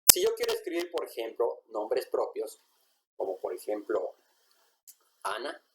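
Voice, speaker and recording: Slow, patient man teaching. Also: medium pitch, wildly swooping pitch, very noisy. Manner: patient, repeats each example word slowly. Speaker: language teacher. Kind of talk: classroom explanation at a whiteboard.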